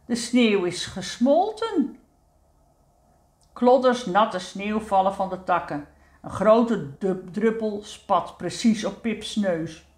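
A woman narrating a children's story in a gentle, unhurried way. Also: medium pitch, roomy sound. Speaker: storybook reader.

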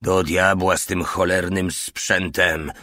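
Audiobook: hoarse older tank commander who barks orders and curses, deep voice, voiced by a male reader. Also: level tone, slow pace, pushed and bright, dry recording, heavily acted. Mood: gruff. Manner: barking orders, cursing. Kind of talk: audiobook narration.

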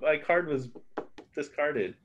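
A man's voice: on the high side, slow pace, dull audio, a little hiss or hum. A man playing a board game, chatting casually and thinking aloud about his moves. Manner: relaxed, thinking aloud, chuckles.

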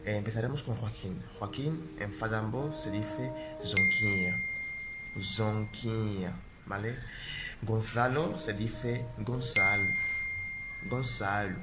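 A fairly low-voiced man from Equatorial Guinea hosts his own channel in a relaxed, chatty way, checking in with his viewers again and again. When he teaches, he slows right down and says each name twice. Loud music plays behind him the whole time. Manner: chatty, keeps checking in with "¿vale?"; spells out each name slowly and repeats it. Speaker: YouTube channel host. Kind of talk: casual vlog, teaching name translations.

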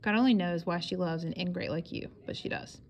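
Woman reading as an angry dad ranting at his son, cursing a lot, low gravelly flat voice. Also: brisk, slight background noise, lightly acted. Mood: scolding. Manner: blustering, cursing, scolding. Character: angry middle-aged father scolding his runaway son.

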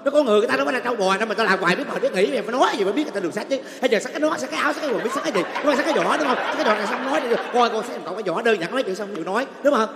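A man playing a loud, argumentative young male servant in a stage comedy sketch. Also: very high voice, animated, very fast, few pauses, crowd noise. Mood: arguing. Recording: echoey hall with loud music.

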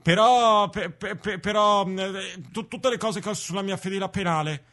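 A man's voice: sits high, moderate pace, bright, forceful tone. A man joking around while playing a game with friends, in an Italian accent. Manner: clowning, joking, goofy. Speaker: guest gamer. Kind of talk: casual gameplay chat.

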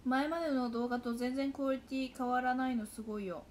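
Reading comments during a casual livestream, this twenty-something host chats animatedly in a Hakata dialect accent. She has a high, slightly mellow voice with fairly even intonation and a somewhat fast pace, with slight background noise.

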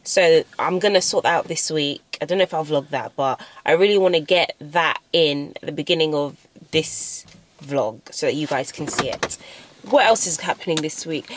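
A woman's voice: low voice, moderate pace, a little hiss or hum. A young woman, chatting casually and teasing while vlogging from a car. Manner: chatty, laughs often, teasing. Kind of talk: casual vlog chat. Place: inside a car, later a bedroom.

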